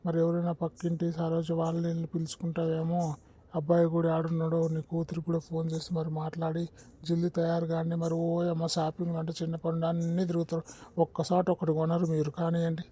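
A grumbling, bossy cartoon village husband, voiced by a man. His voice is very dark and flat. He talks fast. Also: on the high side, breathy edge.

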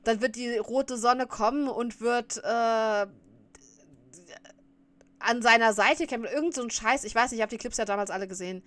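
A woman's voice: on the high side, moderate pace, fairly bright tone. A woman streamer chatting casually while reacting to a clip, often laughing and scolding her viewers.

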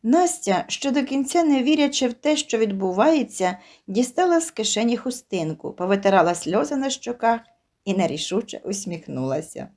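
A woman reading a tender short story aloud, with expressive storytelling. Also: a little high, brisk. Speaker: narrator. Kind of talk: storybook narration.

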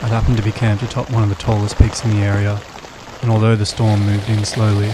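A young man narrating his solo hiking trip in a calm, easygoing, understated voice-over. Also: on the low side, fast talker, noisy background. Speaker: vlogger. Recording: voice-over with loud background music.

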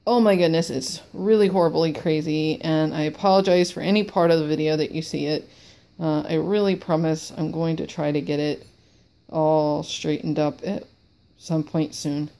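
Training her service dog at home in a cluttered, wood-floored room, a woman talks in a low, warm voice with fairly even intonation at a normal speed. She sniffles as she goes, rambling apologetically and repeating words.

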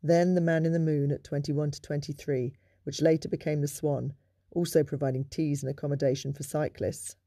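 A man giving a measured, informative narration of local history in a scripted documentary style. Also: a little high, little pitch movement, background noise.

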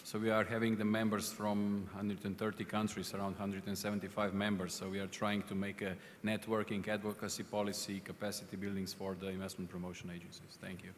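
A man's voice: fairly low pitch, flat delivery, brisk, hardly any pauses, a little hiss or hum. A man representing an association, introducing himself plainly on a conference panel. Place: conference hall stage, seated. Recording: hall reverb.

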